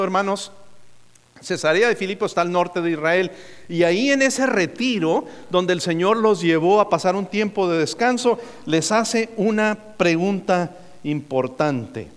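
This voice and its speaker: Preaching from the pulpit of a church sanctuary, this U.S. pastor has a high-pitched voice that rings clear and resonant. He prompts the congregation to respond and tosses in humorous remarks, all heard through long hall reverb.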